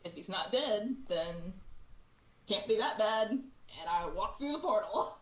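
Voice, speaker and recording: A woman's voice: mid-range voice, expressive, measured pace. A woman playing a tabletop game, chatting casually and in character with a wry, dramatic manner. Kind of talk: casual in-character play and chat. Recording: echoey room sound.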